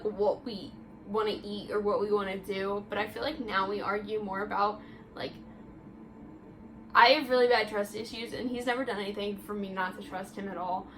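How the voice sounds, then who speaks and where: A woman's voice: medium pitch, a bit bright, a little hiss or hum. A young woman vlogger chatting casually, telling a story with lots of "like" fillers. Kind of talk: casual chat.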